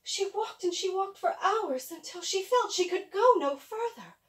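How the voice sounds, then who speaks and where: A woman storyteller performing a folktale, moving between hushed and loud delivery. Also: very high-pitched, animated, normal speed, reverberant.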